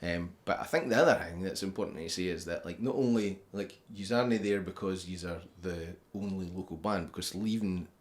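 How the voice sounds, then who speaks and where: A man's voice: low voice, a little fast, hardly any pauses. A man with a Scottish accent hosting a casual interview, talking in a rambling, roundabout way. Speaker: interviewer and festival organiser. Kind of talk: casual chat.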